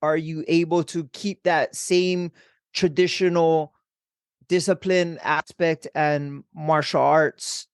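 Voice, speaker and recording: A man's voice: fairly high pitch, little pitch movement, takes it slowly, smooth, dry recording, studio quality. A man with a local Hawaiian accent hosting a casual interview, laid-back and slangy with lots of bro talk. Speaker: podcast host.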